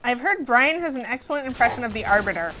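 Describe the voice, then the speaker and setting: A woman's voice: on the high side, lively intonation, fast talker, noisy background. Chatty giggly woman streaming a game. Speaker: stream host. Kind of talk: casual live-stream chat while gaming.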